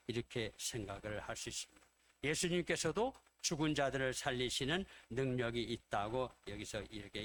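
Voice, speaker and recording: A man's voice: medium pitch, fairly bright tone, a little hiss or hum. A man pastor preaching a sermon in Korean, retelling scenes and acting out the quoted dialogue.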